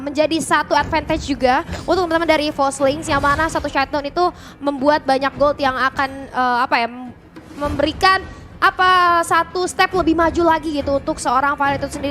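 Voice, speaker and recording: High, fast Indonesian woman game caster. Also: a bit bright. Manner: mixes in English gaming terms. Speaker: esports commentator. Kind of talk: live game commentary. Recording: game music behind.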